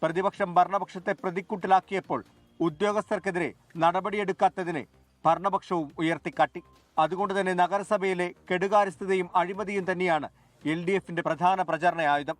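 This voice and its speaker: High-voiced male news reporter. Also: fairly even intonation, a little fast, no echo. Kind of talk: scripted news voice-over.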